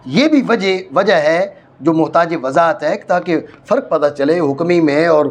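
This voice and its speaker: A man's voice: on the high side, expressive. A man from Pakistan, teaching a grammar class, explaining step by step and often checking that his students follow. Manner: explains step by step, repeats points, checks understanding. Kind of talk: classroom lecture on Arabic grammar.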